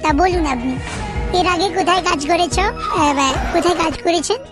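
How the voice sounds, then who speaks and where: A woman's voice: extremely high pitch, fairly quick, over music. A woman voicing a flustered interviewer at a shady business in a cartoon comedy, polite and stammering.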